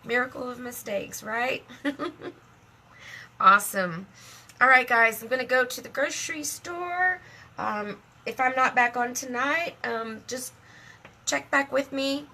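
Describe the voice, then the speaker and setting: A middle-aged woman talks on a casual live stream in a bright, fairly high voice. She is emotional and chatty, laughs often and speaks warmly about her faith. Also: measured pace, pauses often. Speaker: live video host.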